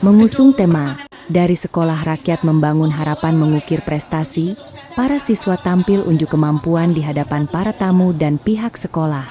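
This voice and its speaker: Low, dark-voiced woman reading news. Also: normal speed, faint music behind. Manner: steady formal reading. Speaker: news reporter. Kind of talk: scripted news voice-over.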